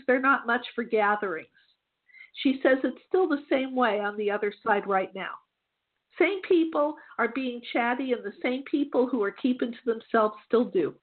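A woman's voice: on the high side, expressive, moderate pace. A woman hosting a call-in psychic show, chatty and reassuring, laughing easily as she passes on messages. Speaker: psychic medium host. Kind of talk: call-in radio reading. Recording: tinny phone-line sound.

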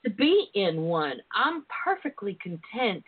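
Hosting a relationship talk show, a woman chats in a very animated, unhurried way with a breathy edge, sassy, theatrical, and cursing freely. It's casual, irreverent radio talk heard over a muffled, low-bandwidth internet radio line.

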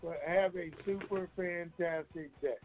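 Over a dull, lo-fi conference call line with soft background music, a man hosts the call in a high, steady, unhurried voice. He talks to listeners informally, rambling in a conversational way.

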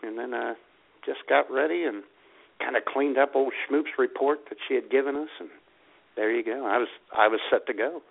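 With a medium-pitched voice that is creaky and husky, this American man co-hosts a radio show at a normal pace. He jokes irreverently, swears mildly and exclaims often, and the sound is tinny and band-limited.

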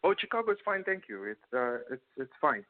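A man's voice: a little high, very animated, fairly quick. A man calling in to chat casually, answering politely and with some hesitation. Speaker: caller. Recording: thin phone call on radio.

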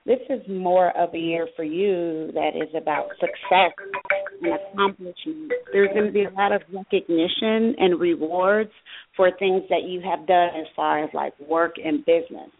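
A woman's voice: fairly low pitch, fairly even intonation, normal speed, faint music behind. Woman reading tarot on a phone line. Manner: reassuring, checks in with "okay?". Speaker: tarot reader, co-host.

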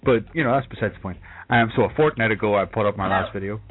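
A man's voice: lowish voice, fast talker. A man with an Irish accent chatting casually and swearing freely as a podcast co-host about games. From England. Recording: tinny phone-like voice call, music behind.

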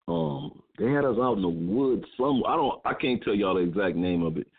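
A man's voice: lowish voice, moderate pace, breathy edge. A man from California, a guest on a talk radio show, telling a story casually and acting out his friends' lines. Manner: animated storyteller who acts out friends' lines. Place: calling in to an internet radio show. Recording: tinny phone line.

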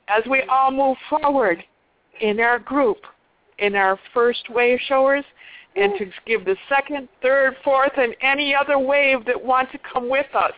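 A woman phoning in to a radio show, her fairly high voice coming through a thin, tinny phone line. She speaks in a fervent, affirming way. The sound is dry and close, with no room around it. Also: dry recording. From Wisconsin. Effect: phoned in over a tinny phone line. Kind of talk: earnest spiritual call-in statement.

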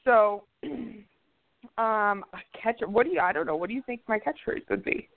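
A woman's voice: medium pitch, unhurried, creaky. A woman co-hosting a podcast in casual chat, telling stories in a blunt, sarcastic way. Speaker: podcast co-host. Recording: tinny phone-like line.

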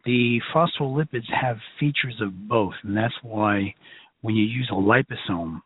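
Male lecturer, Brooklyn accent. Rough-edged voice, conversational and emphatic teaching style, dry telephone-band recording. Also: on the low side, a little slow, no echo. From Brooklyn, New York. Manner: emphatic, conversational, folksy, checks in often. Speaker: lecturer, health educator. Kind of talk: informal lecture to a class. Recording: narrow phone-like line.

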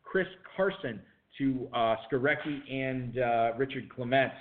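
Man recapping picks over a phone-like line. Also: medium pitch. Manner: brisk, matter-of-fact play-by-play with dry ribbing. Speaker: podcast co-host. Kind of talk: fantasy football draft show talk.

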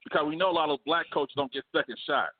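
Co-host, male, high pitch, animated sports banter over a phone-quality line. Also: fast. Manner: animated, laughing, riffing. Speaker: podcast co-host. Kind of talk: casual sports debate. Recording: phone-like narrow band.

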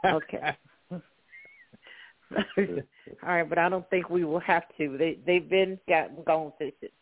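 A man with a noticeably high voice hosts sports talk radio, chatting and bantering with guests in a casual way. The sound is narrow and thin, like a phone line. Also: steady tone, slow pace.

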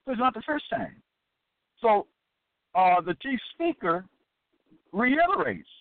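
A man's voice: high voice, sing-song, no room sound. A man teaching from scripture in an emphatic monologue, repeating key phrases and stretching out quoted verses. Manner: drags out scripture quotes slowly. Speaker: Bible teacher. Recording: dry, tinny phone-like sound.

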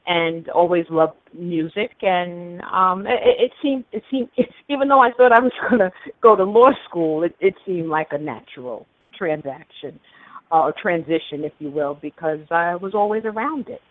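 A woman from New York, a guest producer, telling stories about her past in relaxed interview answers. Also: on the low side, normal speed, no room sound. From New York, United States. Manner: relaxed storytelling with fillers and restarts. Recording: narrow phone-line radio sound.

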